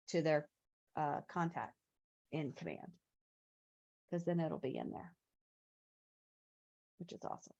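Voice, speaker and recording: A woman's voice: lowish voice, darkish tone, highs cut off. A woman teaching on a video call, conversational and explaining through examples. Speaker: real estate trainer.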